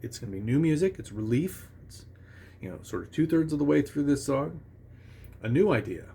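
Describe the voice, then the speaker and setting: A man giving a relaxed, conversational songwriting lesson, talking with restarts and sometimes singing short nonsense syllables as examples. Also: on the high side, fairly quick, gravelly, a little hiss or hum. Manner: self-assured about his own lyric writing. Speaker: songwriting teacher. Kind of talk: casual instructional talk.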